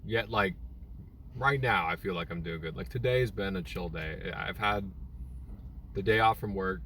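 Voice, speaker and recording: A man's voice: low-pitched, moderate pace, bright, forceful tone, far from the mic, a little hiss or hum. Rambling young man streaming from a car. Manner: rambling, with frequent fillers and restarts. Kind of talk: casual live-stream chat. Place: in a parked car in a store parking lot. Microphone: phone.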